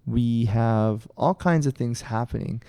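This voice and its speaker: A middle-aged man chats on a podcast in a mellow, darker tone. He rambles through his story with plenty of restarts. The sound is dry and close. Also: medium pitch, measured pace, clean tone, dry recording. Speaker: podcast co-host, karate instructor. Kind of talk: casual chat.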